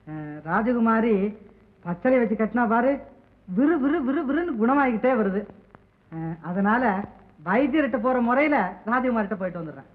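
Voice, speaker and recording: A man's voice: extremely high pitch, big pitch swings, moderate pace, pauses often. An eager young son coaxes his mother in a cheerful, pleading way. His voice comes through a tinny, phone-narrow old film soundtrack. The delivery is classic 1940s screen acting. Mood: coaxing.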